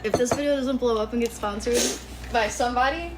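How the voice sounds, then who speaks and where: A woman's voice: on the high side, steady tone, fast, noisy background. A young woman with a Chicago accent, a guest chatting playfully and giggling while tasting hot sauce. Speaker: guest, host's best friend.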